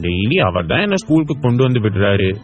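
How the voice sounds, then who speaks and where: A man's voice: fairly low pitch, very animated, quick pace, lo-fi sound, soft background music. A man voicing a boastful little schoolboy who mocks a classmate, for an audiobook. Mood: taunting. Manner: mocking, boastful. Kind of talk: audiobook character voice.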